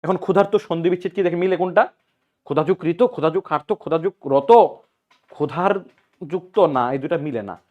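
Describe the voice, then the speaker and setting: A male teacher with a Bangladeshi Bengali accent, running an exam-prep grammar lesson and drilling students with repeated questions and answers in brisk, colloquial speech. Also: fairly high pitch, phone-quality sound.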